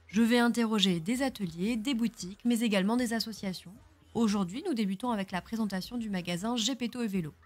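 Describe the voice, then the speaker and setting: A woman host reading a scripted introduction as a steady voice-over. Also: mid-range voice, quick pace. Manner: even, read introduction. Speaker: video host.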